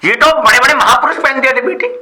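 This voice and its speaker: A man's voice: very high voice, fast talker, sharp tone, exaggerated voice. A man playing a grumbling old village headman. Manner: grumbling, pious bluster. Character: older village headman, tobacco-chewing, self-pitying. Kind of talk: village comedy sketch.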